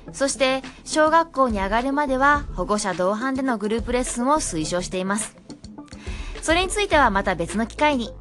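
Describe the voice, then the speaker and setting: A woman's voice: on the high side, a bit bright. Woman explaining, faint music behind. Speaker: English teacher giving advice to parents. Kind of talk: scripted podcast talk.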